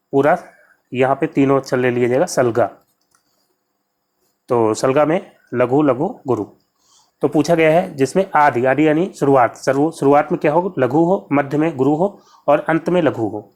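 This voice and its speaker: A man's voice: on the high side, darkish tone. A man teaching an exam-prep lesson, patiently explaining answers and repeating key terms as he addresses viewers as friends. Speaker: Hindi exam tutor.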